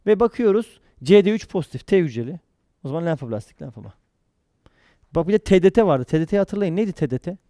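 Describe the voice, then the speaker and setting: High-voiced male lecturer, quizzing style. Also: no room sound, clean studio sound. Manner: quizzing, answers own questions quickly; lively, jokey asides with mnemonics. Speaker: pathology lecturer. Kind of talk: exam-prep lecture.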